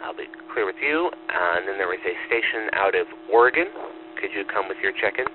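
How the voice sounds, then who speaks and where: Male net control operator, formal and steady, on a narrow radio transmission with clear static. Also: sits low, brisk. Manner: steady formal call-and-acknowledge phrasing. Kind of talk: ham radio net check-ins. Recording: tinny radio line with static.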